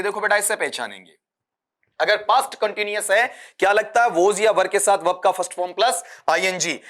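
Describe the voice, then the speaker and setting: A man's voice: high voice, a bit bright. A man teaches an exam-prep grammar lesson. He talks straight to his students, calling them "beta". He asks question after question and answers each one himself.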